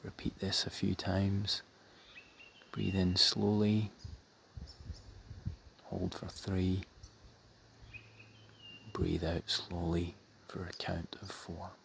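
In a breathy, soothing half-whisper, a man gently guides a meditation, using measured phrases and long pauses. His voice is deep and his delivery completely flat. There is slight background noise.

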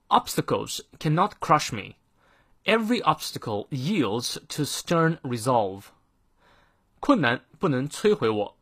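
A man hosting a short daily English lesson, explaining a quote word by word and slowing down to model its pronunciation. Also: medium pitch, fairly bright tone. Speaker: English teacher, host of a daily morning reading show.

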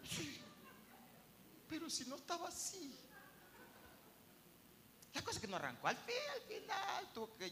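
A man preaching a sermon in a church hall, telling stories with lively acted-out voices. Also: very high voice, slight background noise. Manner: animated storytelling, acts out quoted voices.

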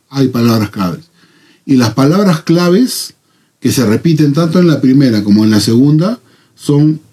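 Peruvian man, Bible study teacher, mellow husky tone, measured and earnest delivery. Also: medium pitch. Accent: Peruvian Spanish. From Peru. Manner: measured, earnest, pausing with fillers.

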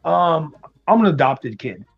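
A man from the United States, raised in New York and Florida, talking as an interview guest in a relaxed, hesitant way with many ums. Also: a little high, unhurried, creaky, slightly rough, narrow, tinny audio, faint music behind. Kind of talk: casual interview chat.

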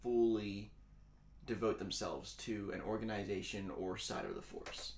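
A man co-hosting a podcast in casual chat, calmly explaining his view. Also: on the low side, unhurried, vocal fry, reverberant, slight background noise. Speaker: podcast co-host.

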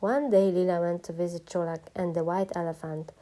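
A woman reading a children's storybook aloud in an expressive narrating manner. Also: fairly low pitch, a little fast. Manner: expressive, animated voices. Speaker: storybook reader.

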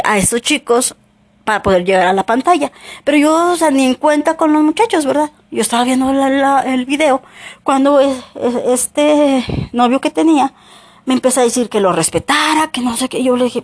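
A young woman with a Mexican Spanish accent telling a personal story casually, rambling with many fillers and self-corrections. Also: high-pitched.

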